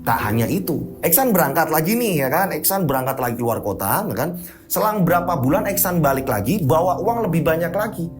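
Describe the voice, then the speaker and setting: A man's voice: a little high, sing-song, brisk. Chatty man telling a story. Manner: chatty, repeats tag questions. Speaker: storyteller host. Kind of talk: casual spoken storytelling. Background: background music.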